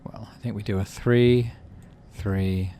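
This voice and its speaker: A gaming channel host with a low, steady voice speaks slowly during a let's play, reading story text aloud and muttering as he thinks through his moves. Background noise is audible.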